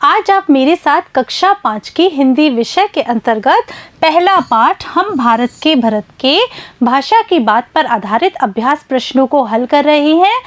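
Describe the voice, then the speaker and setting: A woman teacher explaining a grammar lesson to children in a slow, patient way. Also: high-pitched. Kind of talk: online class lesson.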